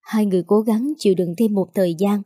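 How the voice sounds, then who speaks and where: A woman's voice: mid-range voice, quick pace, dark tone, no echo, clean studio sound, natural voice. A woman voicing a remorseful young woman speaking earnestly to her parents. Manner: earnest, choked-up.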